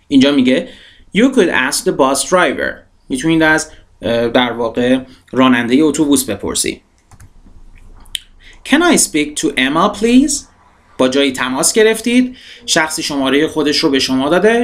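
A man teaching English, a native Persian speaker with a Persian accent, saying English phrases slowly and explaining them quickly. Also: fairly high pitch. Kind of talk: language lesson.

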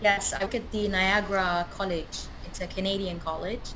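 A woman with a British accent talks casually on a video call, pausing often with small fillers. Her pitch sits mid-range, and a faint hiss runs underneath. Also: steady tone. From grew up in the UK. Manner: hesitant, many fillers. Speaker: webinar participant, college teacher.

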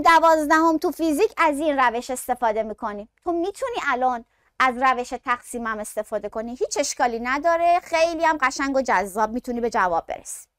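A woman gives a classroom science lecture in a fairly high voice. She asks questions, answers them herself, and calls her students by fond names. The recording is close and dry with no room sound. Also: a bit bright, no echo. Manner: addresses students affectionately. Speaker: science teacher.

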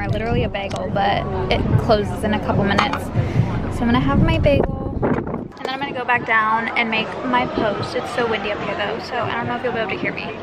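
A young woman vlogging casually from a cruise ship cabin into a handheld camera, chatty and full of "like". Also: fairly high pitch. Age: young adult. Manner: chatty, filler-heavy with frequent "like". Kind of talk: casual vlog narration. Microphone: handheld vlog camera. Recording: noisy background, wind on deck.

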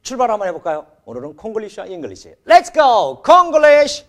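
A man with a high, buoyant voice hosts an English lesson. His pitch leaps up and down as he calls out phrases and explains them with exclamatory energy. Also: a little fast. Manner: energetic, exclamatory, switches between Korean and English drills. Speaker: host of an English lesson show. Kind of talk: animated TV lesson presenting.

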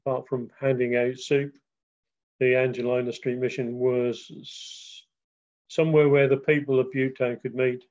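Guy doing a history slideshow on a call, flat even voice, dull muffled audio, lots of uhs. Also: medium pitch, normal speed. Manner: steady, with frequent uh fillers. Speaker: guest presenter.

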